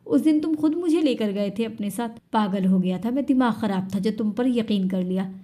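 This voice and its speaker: A woman's voice: a little high, normal speed, close to an everyday voice. A woman voicing a furious young man who hurls bitter accusations in an Urdu audio story. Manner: shouting, bitter reproach.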